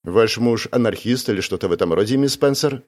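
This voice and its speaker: A man's voice: lowish voice, expressive, a little fast, a little mellow. A man voicing a cold, stern young woman. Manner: cold, clipped questioning.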